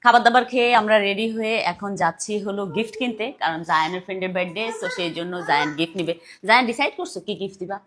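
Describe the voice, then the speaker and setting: A woman's voice: medium pitch, rapid-fire, a bit bright, a little hiss or hum. A young woman, narrating a casual family vlog and coaxing her son with short questions. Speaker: vlogger and mother.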